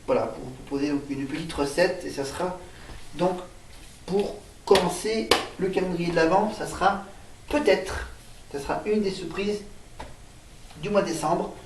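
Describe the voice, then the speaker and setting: A man talks through a casual home vlog, unhurried and halting, stopping to spell words as he writes them on a board. His voice sits a little high and comes from some distance off the camera mic. The room is echoey, with a faint hiss underneath. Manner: hesitant, many fillers and restarts. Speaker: vlogger.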